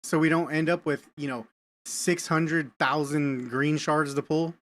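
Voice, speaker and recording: Chatty man streaming a game, slightly high voice. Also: fairly even intonation, a little slow, a bit bright. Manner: rambling, repeats words, chats with viewers. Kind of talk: casual live-stream chat while gaming.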